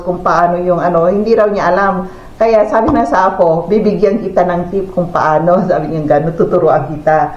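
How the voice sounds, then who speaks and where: A woman's voice: lowish voice, darkish tone. Rambling older woman in a roomy kitchen. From Philippines. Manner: rambling, many fillers and repeated "sabi ko". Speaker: vlogger. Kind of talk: casual storytelling chat to viewers. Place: home kitchen. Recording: roomy, dull home recording.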